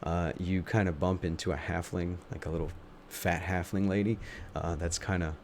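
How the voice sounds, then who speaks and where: A man improvising narration as a tabletop game master, thinking aloud in a halting way. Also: deep voice, fairly even intonation, a little mellow, a little hiss or hum.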